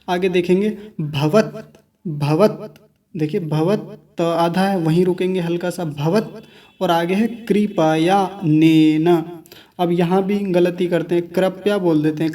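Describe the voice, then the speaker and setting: Male Sanskrit teacher, measured and patient, repeats words syllable by syllable, a bit higher pitch, recorded slightly off-mic. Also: dark tone, distant mic. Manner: slow, deliberate syllable-by-syllable demonstration; contrasts wrong and right pronunciations repeatedly. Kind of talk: recorded online class.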